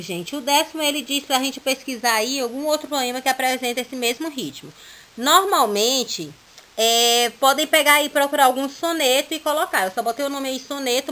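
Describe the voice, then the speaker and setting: A woman's voice: high-pitched, a bit bright. A woman with a Brazilian Portuguese accent, teaching a recorded lesson, reading exercises aloud and explaining them patiently, often checking in with her students. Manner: reads exercises aloud, then explains slowly.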